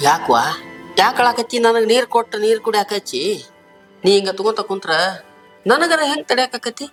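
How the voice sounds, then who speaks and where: A man's voice: very high-pitched, very animated, fairly quick, fairly bright tone, faint music behind, exaggerated voice. A man with a North Karnataka Kannada accent plays a caring older brother who works as a poor laborer. He speaks in an earnest, pleading way, asking the same questions again and again. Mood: anxious. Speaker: actor in a short film. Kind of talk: village family drama acting.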